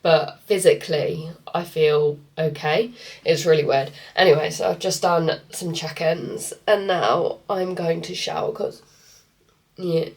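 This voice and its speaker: A woman with a deep, slightly mellow voice speaks at a measured pace, chatting casually to camera as a fitness coach in a vlog. She's congested from a cold and rambles with plenty of fillers.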